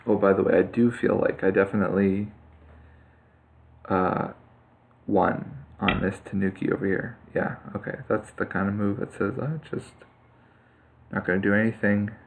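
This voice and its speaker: A man's voice: sits low, little pitch movement, normal speed, vocal fry. A man casually commenting live on his own Go game, thinking aloud with many fillers and restarts. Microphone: computer mic on a screen capture.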